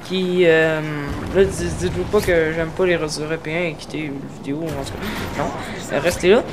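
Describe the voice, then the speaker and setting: This Québécois French-accented YouTuber from Quebec, Canada speaks in a fairly high, fairly even voice at a moderate pace, introducing his gaming channel casually over gameplay. His delivery is hesitant and full of filler sounds, though he tries to pronounce carefully, and background noise is present.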